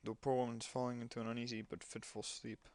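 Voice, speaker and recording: A man's voice: mid-range voice, little pitch movement, quick pace, darkish tone. A man doing let's play commentary, reading game dialogue aloud and breaking off with sarcastic asides. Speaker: gamer playing a game.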